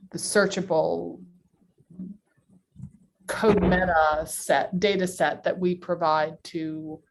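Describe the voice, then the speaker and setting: A woman speaks slowly in a video meeting, her voice somewhat low. She raises her questions thoughtfully and wonders aloud about them. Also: slight background noise, low-quality recording. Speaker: meeting participant.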